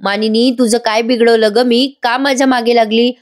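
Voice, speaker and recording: Brief: woman reading a whiny, scheming aunt, raised plaintive pitch, self-pitying reproaches. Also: fairly even intonation, moderate pace, lightly acted. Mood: indignant. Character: scheming middle-aged aunt, whiny and defensive.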